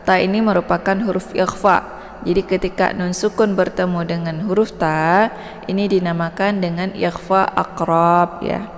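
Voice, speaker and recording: A woman teaching Quran recitation in a slow, patient tajwid lesson, explaining each letter and then modeling its sound. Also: lowish voice, steady tone, in a large hall.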